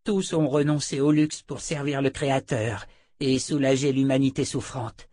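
A man's voice: medium pitch, fairly even intonation, normal speed, darkish tone, dry recording, pitched above the performer's own voice, lightly acted. A man reading an audiobook, voicing a cowardly, fawning male killer who grovels before his captors. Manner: wheedling, zealous.

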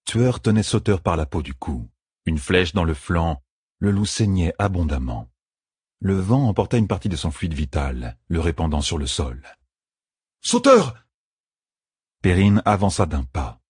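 A man with a very deep, husky voice reads a fantasy novel aloud. His delivery is steady and measured. The sound is dry and close, with no room around it. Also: no echo. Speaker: audiobook narrator. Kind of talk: scripted fantasy narration.

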